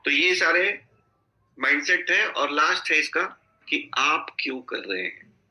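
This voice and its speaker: A man's voice: fairly high pitch, unhurried, pushed and bright, low-quality recording. A man coaching a sales team on a video call, giving instructive advice and often checking that listeners follow. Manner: instructive, repeatedly checking in with "theek hai?".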